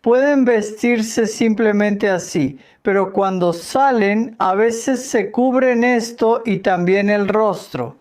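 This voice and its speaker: A mid-range, darkish female voice speaks slowly, hardly pausing, in a Spanish voice-over of a Q&A lecture on Islam. She responds to audience questions with patient explanations, quizzing listeners and adding light jokes.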